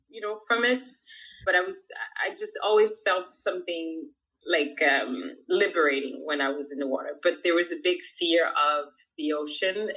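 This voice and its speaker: Bright-voiced woman in her thirties, from France. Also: fairly low pitch, low-quality recording. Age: 30s. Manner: chatty, laughs often, many fillers. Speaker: guest, freediver. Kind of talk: casual interview talk.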